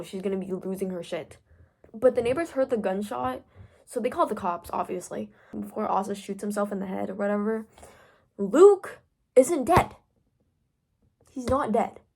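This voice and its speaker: A young woman rants through a book plot in a loose, casual way. She swears freely and fills her sentences with "like." Her voice sits at an ordinary middle pitch for a woman. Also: a little mellow. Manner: profane, filler-heavy storytelling. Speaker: book vlogger.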